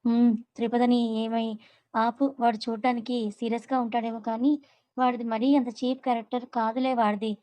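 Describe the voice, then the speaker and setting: A woman's voice: fairly high pitch, flat delivery, a little fast, mellow, no room sound, lightly acted, rough recording. A woman voicing a blunt, grumbling young man in a storybook reading.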